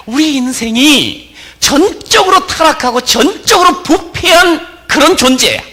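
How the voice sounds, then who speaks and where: Middle-aged male pastor preaching with a bright, animated delivery and emphatic repetition. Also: very high voice. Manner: emphatic preaching, repeating key words, asking the congregation questions. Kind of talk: sermon.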